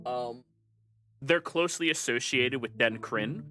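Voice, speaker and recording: A man's voice: medium pitch, measured pace, bright, forceful tone, faint music behind. A man narrating and running a tabletop game as game master.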